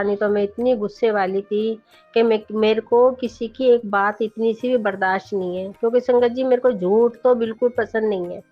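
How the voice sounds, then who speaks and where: A woman's voice: medium pitch, dry recording. A middle-aged woman sharing a devotional testimony, speaking earnestly and often turning to address her listeners directly. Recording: dull, dry recording with faint background music.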